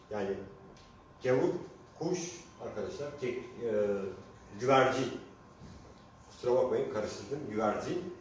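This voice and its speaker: A man giving a language lesson, slowly spelling out letters and repeating example words for his listeners. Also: on the high side, darkish tone. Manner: slow, deliberate, repeats example words and addresses listeners often. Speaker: Kurdish language teacher. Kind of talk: alphabet lesson for Turkish speakers. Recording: very echoey, distant mic, faint noise.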